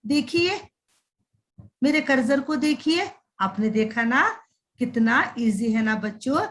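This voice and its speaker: A woman's voice: fairly high pitch, expressive, slow pace, a bit bright. A woman teaching young children in a recorded lesson voice-over, drawing out words in a sing-song way and repeating them.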